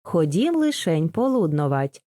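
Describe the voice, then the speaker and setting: Woman voicing an old cossack father, homely instructive tone, low mellow voice, dry close audiobook sound. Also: very animated, unhurried, dry recording. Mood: advising. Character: old male Cossack father, wise and steady.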